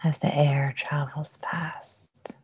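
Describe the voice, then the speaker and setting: A woman whispering a guided meditation, soft and soothing with long pauses. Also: low voice, level tone, slightly rough.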